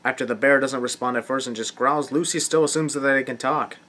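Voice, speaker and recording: A man giving sarcastic scripted commentary, nitpicking with mocking, deadpan asides. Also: mid-range voice, fairly quick. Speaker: host of a film nitpicking video. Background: film soundtrack music.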